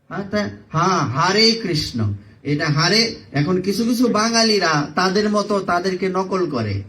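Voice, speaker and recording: A man's voice: sits high, distant mic. A man with a Bangladeshi Bengali accent, preaching a devotional sermon to a gathered audience, drilling pronunciation and chanting along. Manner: teaches by repetition, drilling pronunciation and chanting aloud.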